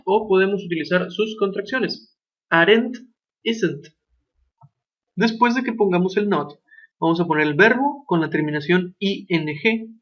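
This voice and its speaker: A man explaining English grammar slowly and deliberately, asking his students questions as he goes. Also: high voice. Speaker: English teacher. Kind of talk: grammar lesson narration. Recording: dull lo-fi recording.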